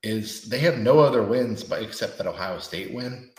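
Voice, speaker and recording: Man, podcast co-host, low voice, animated, casual banter, roomy sound. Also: recorded from a distance. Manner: steers the talk, quick to agree and prompt. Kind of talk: casual sports chat.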